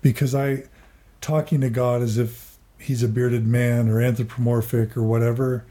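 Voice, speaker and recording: A man in his forties talks through a reflective interview with a mellow, warm tone. He speaks earnestly but haltingly, stumbling into restarts and repeated words as he gathers his thoughts, at a middling pitch. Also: level tone. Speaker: therapist and podcaster.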